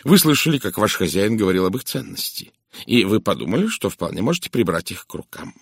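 Poirot, a man's soft, measured detective voice. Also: fairly low pitch, sing-song, creaky, slightly rough, dry recording, studio quality, exaggerated voice. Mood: probing. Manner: soft, measured, hushed and knowing. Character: shrewd, precise older male detective.

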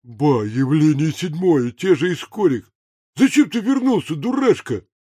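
A man voicing a sly, theatrical thief in an audiobook, slow and mocking. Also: on the high side, big pitch swings, warm tone, slightly rough, no echo, studio quality, heavily acted.

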